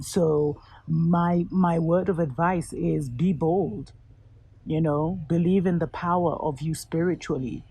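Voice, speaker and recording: A woman hosting her own show, giving earnest, unhurried spiritual encouragement to viewers with soft asides. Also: sits low, breathy edge. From Kenya. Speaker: host.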